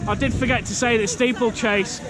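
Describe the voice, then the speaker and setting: A man's voice: very high voice, steady tone, brisk, low-quality recording. A man of about forty, chatting in a rambling, casual walk-and-talk vlog outdoors. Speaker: theme park vlogger. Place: outdoors in a windy amusement park. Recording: outdoor amusement park with loud music.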